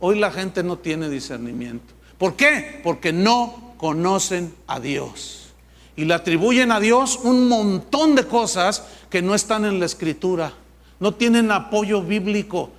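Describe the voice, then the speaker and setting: A male pastor preaches to a congregation in a high voice. He talks emphatically and conversationally, often slipping into mockery. His delivery stays direct and pointed. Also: lively intonation, measured pace. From Mexico. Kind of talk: sermon. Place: church with a live congregation.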